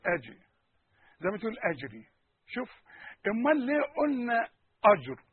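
A man with an Egyptian Arabic accent teaching Quranic pronunciation, repeating sounds and questioning his listeners in an animated way. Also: high voice, brisk, husky, no echo, phone-quality sound.

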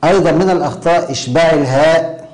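A man's voice: on the high side, a little mellow, rough recording. Man teaching Quran recitation. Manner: demonstrates recitation slowly, contrasting errors. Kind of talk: tajweed lesson.

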